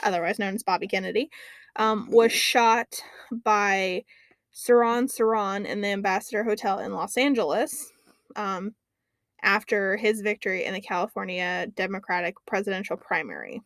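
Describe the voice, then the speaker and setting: A woman's voice: medium pitch, a bit bright, dry recording. A woman co-hosting a casual podcast, reading dates and facts from her notes with frequent ums. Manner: chatty, fills pauses with "um". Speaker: podcast co-host. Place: lives near an Alaskan lake.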